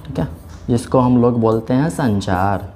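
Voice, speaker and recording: There's slight background noise as a man lectures a class at a moderate pace, his mid-range voice a little mellow. Step by step he lays out the material, says "theek hai" again and again, and supplies answers to the questions he raises.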